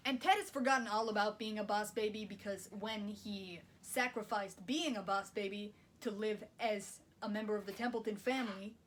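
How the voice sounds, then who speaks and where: A woman recapping a movie in a wry, sarcastic way, swearing casually. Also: mid-range voice. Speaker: video essayist.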